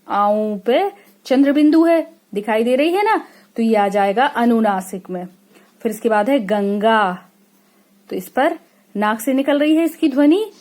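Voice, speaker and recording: Slow-speaking Indian woman teacher. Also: on the high side, a little mellow. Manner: slow and drawn out, checking in with frequent "okay?"; stretches out sample words for children to repeat. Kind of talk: classroom lesson explanation.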